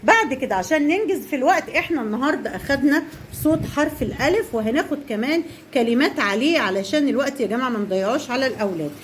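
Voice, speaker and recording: A young woman teacher with an Egyptian Arabic accent quizzes and praises small children encouragingly while explaining things to parents. Her voice is high-pitched, expressive, and rapid-fire, with a little hiss or hum in the recording.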